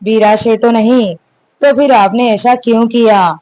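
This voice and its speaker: A frantic young mother begs through tears for her missing baby, as the storyteller voices her. The pleading runs slowly in a plain audio storybook reading. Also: medium pitch, darkish tone, natural voice, low-quality recording. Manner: pleading, tearful. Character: distraught young mother begging for her child.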